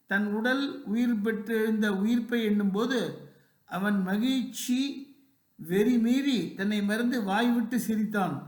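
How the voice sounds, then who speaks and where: A man with a high voice reads a short story aloud at a slow, deliberate pace, with dramatic, tense inner-monologue delivery. The recording has a noticeably echoey room sound. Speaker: story reader.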